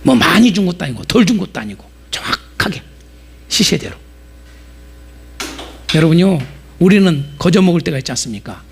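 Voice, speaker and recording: A middle-aged man preaching a lively sermon-lecture in a church, animated and jumping between quiet asides and loud acted-out outbursts. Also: sits high, fast, gravelly, a little hiss or hum. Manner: animated, acts out market sellers with sudden loud outbursts. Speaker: pastor and Bible lecturer.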